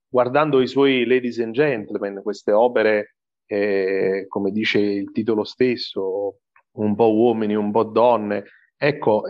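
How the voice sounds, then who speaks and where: A man's voice: on the low side, dry recording, muffled recording. A man interviewing a guest, posing a long, winding question with fillers.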